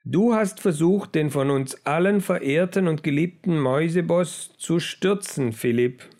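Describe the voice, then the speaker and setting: A man doing a shrill, sly mouse who barks orders. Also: animated, slow. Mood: commanding, mocking. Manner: shrill, piercing shouts with rolled R. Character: sly clever male mouse, mocking and commanding.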